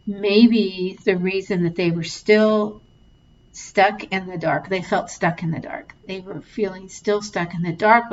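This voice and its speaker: A middle-aged woman talks slowly through a guided tapping session, mixing personal stories with easy laughter. Her voice sits at a medium pitch. The recording sounds dull and lo-fi. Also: a little hiss or hum. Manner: chatty, laughs often, slow and reflective.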